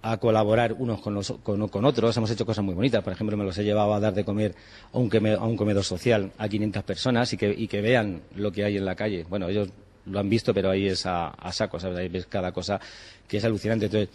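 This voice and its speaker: A man's voice: fairly low pitch, fairly even intonation, quick pace, darkish tone. A man in his forties from Spain, a chef and cooking teacher, talking casually and animatedly, acting out bits of dialogue and swearing in passing. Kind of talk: casual interview talk.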